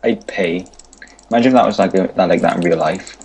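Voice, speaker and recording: A man's voice: low-pitched, fairly quick, gravelly, a little mellow, husky. A man chatting casually while gaming, laid-back and teasing, often laughing. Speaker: gamer, co-player.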